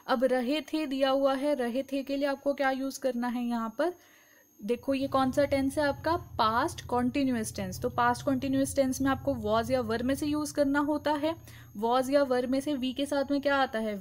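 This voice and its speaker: A woman's voice: high voice, steady tone, moderate pace. A woman teaching an exam-prep grammar lesson, explaining step by step and often checking in with her students. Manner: explains step by step, keeps asking "ठीक है". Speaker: English teacher.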